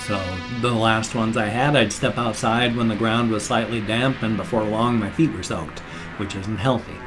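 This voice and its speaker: A man's voice: on the low side, fairly even intonation, normal speed, music in the background. An older man rambling casually to viewers, apologetic and mildly grumbling, his speech hissing and slightly slurred from loose dentures. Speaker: vlogger.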